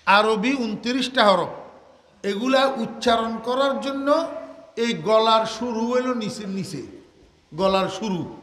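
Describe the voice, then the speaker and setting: An older man with a Bangladeshi Bengali accent preaching a waz sermon, asking the crowd questions, answering them himself, and drawing out Arabic words slowly in a half-sung way. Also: extremely high pitch, a bit bright. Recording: echoey hall reverb.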